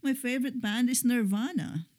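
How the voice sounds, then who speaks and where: A middle-aged woman co-hosting a casual chat show, talking slowly and hesitantly with frequent pauses. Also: on the high side, darkish tone. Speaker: podcast co-host.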